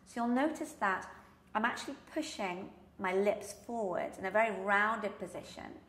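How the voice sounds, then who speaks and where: A woman's voice: medium pitch, moderate pace, fairly bright tone. A woman with a British accent giving an instructional pronunciation lesson, enunciating carefully and stressing example words. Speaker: pronunciation coach. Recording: echoey room.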